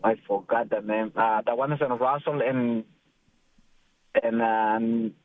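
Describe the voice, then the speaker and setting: A man's voice: medium pitch, fairly even intonation. Man calling in from his car on a tinny phone line. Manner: hesitant, pausing to search for names. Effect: speaking on the phone from a moving car. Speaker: radio show caller.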